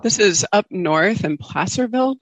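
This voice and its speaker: A woman giving an informal dharma talk as a meditation teacher, speaking in a gentle, reflective and halting way. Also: medium pitch, animated, no room sound, rough recording. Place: online group video call.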